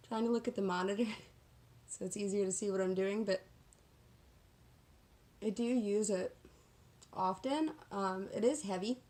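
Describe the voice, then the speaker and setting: Woman, medium pitch, casual makeup vlogger, slangy, sassy, self-mocking, chatty. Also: a little mellow. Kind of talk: casual chatty get-ready-with-me tutorial.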